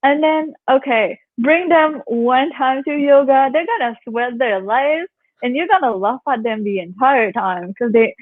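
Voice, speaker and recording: Over phone-like call audio with no echo, a young woman from Canada who teaches yoga talks as a guest in a casual interview. Her voice is high-pitched, unhurried and soothing, and she laughs a lot while imitating what others say.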